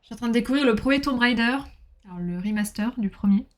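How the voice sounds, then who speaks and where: A woman's voice: fairly high pitch, fast. A woman streaming a game, chatting casually with her viewers, reading their messages aloud and bursting into exclamations.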